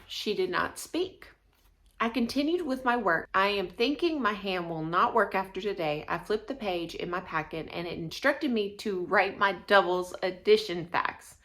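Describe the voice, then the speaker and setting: A woman teacher reads a children's chapter book aloud, in an expressive way, and she breaks off now and then for casual asides. Her voice sits at a middle pitch.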